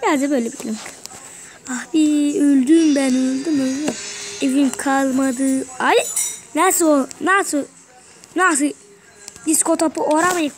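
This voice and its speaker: A young woman streaming a game from her bedroom, excitable, with frustrated muttering and mild swearing. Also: sits high, unhurried, long pauses, a little hiss or hum. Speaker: gaming channel host. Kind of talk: casual gameplay commentary. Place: bedroom at home.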